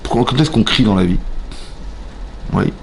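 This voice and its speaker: A man with a French accent, a rabbi giving an animated Torah class in a synagogue, questioning his listeners and acting out voices. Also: lowish voice, moderate pace, gravelly, background noise. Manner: animated, asks the audience questions, acts out voices. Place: synagogue hall.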